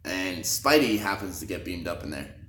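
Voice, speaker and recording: Low, rambling young man recapping a movie. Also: normal speed, reverberant. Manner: rambling, hesitant with fillers and throat-clearing, bursts of excited quoting. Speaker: movie reviewer. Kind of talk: casual spoiler recap.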